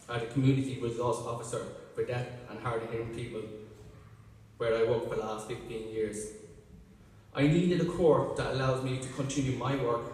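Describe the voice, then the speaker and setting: A middle-aged Irish man, a graduate, gives a prepared speech slowly and deliberately, setting each phrase apart in a mid-range, slightly mellow voice. He is heard from far off in a large ceremony hall, his words trailing into a long, roomy reverb.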